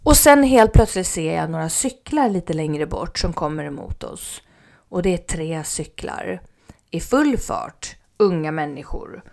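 A woman telling a personal anecdote in casual speech, animated, acting out what people said and sometimes dropping to a near-whisper. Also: low-pitched, creaky. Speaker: mother telling a personal story.

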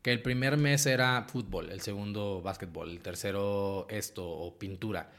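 A young man with a Mexican Spanish accent, a guest writer and actor telling stories in a casual interview, animated and often laughing. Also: on the low side, normal speed.

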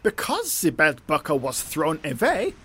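A woman's voice: sits low, huge pitch swings, measured pace. A woman narrating a scripted children's story as storyteller, with music behind her.

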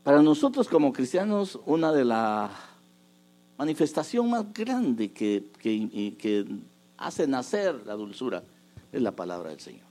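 A man preaching a sermon, moving between hushed asides and loud, emphatic bursts. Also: medium pitch, very animated, unhurried.

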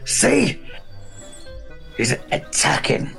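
A man's voice: fairly high pitch, wildly swooping pitch, drawn-out words, gravelly, music in the background, pitched above the performer's own voice, full character voice. A man voicing a hot-headed male elf in a tabletop game, blunt and confrontational. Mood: combative.

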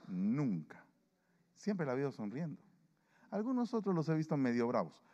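A male pastor preaching to his congregation and leading communion, lively and acting out the voices of people he quotes. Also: medium pitch, a little slow, long reverb tail, lo-fi sound. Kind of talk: sermon and communion prayer. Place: church.

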